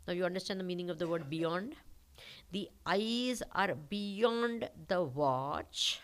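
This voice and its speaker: A woman's voice: lowish voice, slow. A woman with an Indian accent giving a spiritual discourse as a teacher, explaining step by step, repeating points and checking that listeners follow. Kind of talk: spiritual discourse with question and answer.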